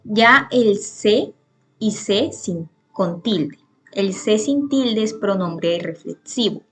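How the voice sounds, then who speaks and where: Patient woman teaching a grammar lesson. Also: mid-range voice. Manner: patient, explains with many examples and restarts.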